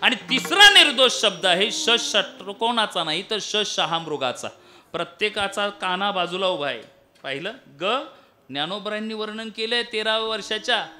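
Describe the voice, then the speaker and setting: A man's voice: high voice, sharp tone. A man preaching a devotional kirtan, telling stories theatrically and breaking into sung refrains. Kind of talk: devotional sermon storytelling with song.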